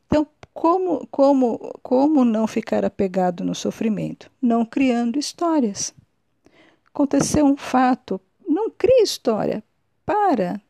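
A woman's voice: high voice, big pitch swings, a little slow, creaky, warm tone, no echo. A woman hosting a podcast. She gives a reflective solo monologue, musing and often restarting or correcting herself. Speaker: podcast host.

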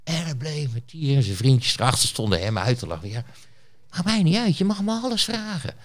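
A man's voice: a little high, very animated, brisk. A man being interviewed, who tells a story in a blunt, rambling way with lots of fillers and restarts. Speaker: interview guest, street reporter. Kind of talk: casual storytelling.

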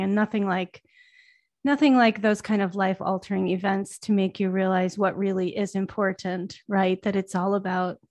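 A woman's voice: medium pitch, a little mellow, no room sound. A woman co-hosting a podcast interview, affirming the guest and thinking aloud with small restarts. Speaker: podcast co-host.

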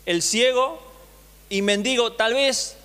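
High-voiced pastor preaching in a reverberant hall. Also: male voice, takes it slowly, bright, forceful tone, clear, resonant tone. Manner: reads scripture then retells it with acted voices; asks the congregation questions. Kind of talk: sermon.

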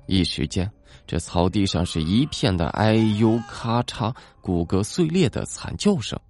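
A man narrating a ghost story in a dramatic, expressive way. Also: lowish voice, a little slow. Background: soft background music.

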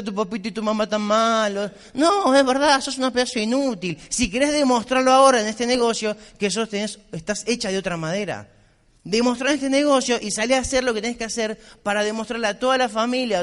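A man's voice: extremely high pitch, a bit bright. A man, a business mentor giving a blunt, insistent motivational speech. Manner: blunt, insistent, repetitive exhortation. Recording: long reverb of a hall.

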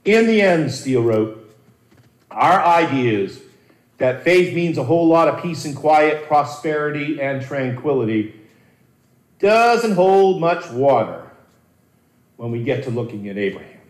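A man preaching a sermon as a pastor, earnest and animated, with dramatic pauses and repeated words. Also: on the high side. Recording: roomy echo.

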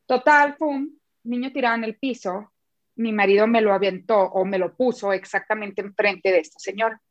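A woman's voice: medium pitch, normal speed, no echo. A woman telling a dramatic personal story as a guest, acting out what people said and often repeating words. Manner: animated, re-enacts dialogue, repeats words. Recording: muffled lo-fi sound.

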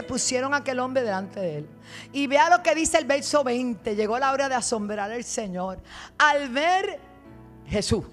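A guest preacher, a woman, gives a sermon full of dramatic scripture retellings, punctuated by asides spoken low.

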